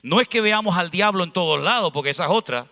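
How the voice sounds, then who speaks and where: A man from Spain, preaching a lively sermon full of anecdotes as a pastor in a church. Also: sits high, quick pace, long reverb tail. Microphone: handheld microphone.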